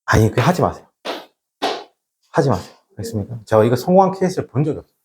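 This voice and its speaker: Male lecturer, blunt classroom talk, lively swinging pitch, dark mellow tone, rhetorical questions. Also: very fast, slight background noise. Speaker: English lecturer for transfer exams.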